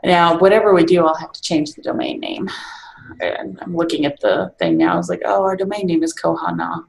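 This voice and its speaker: A woman chairing a casual online group meeting, relaxed and chatty, laughing often. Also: fairly low pitch, brisk, vocal fry, echoey room, rough recording. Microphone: video call.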